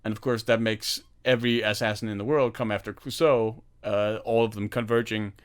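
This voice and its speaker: A man hosting a film podcast, retelling movie scenes in casual chat with animated energy and frequent laughter. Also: lowish voice, fairly quick, clean tone. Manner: animated storytelling, laughs often. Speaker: podcast host.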